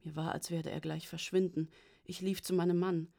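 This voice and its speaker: A woman narrating a first-person story as an audiobook, in an even, measured way. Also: lowish voice, creaky.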